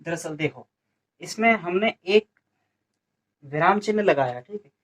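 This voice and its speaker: A man's voice: sits high, animated, unhurried, a bit bright. A man from India teaching a Hindi grammar lesson for an exam coaching class, who asks questions and answers them himself and keeps adding "okay". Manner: repeats questions and answers them, frequent "ठीक है" fillers.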